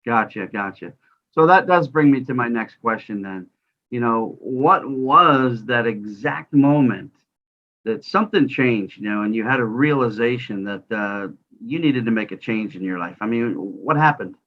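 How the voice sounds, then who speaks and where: A man's voice: mid-range voice, animated, moderate pace. Casual man hosting, dull lo-fi sound. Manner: informal, rambling, many fillers. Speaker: podcast host. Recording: slightly dull lo-fi audio.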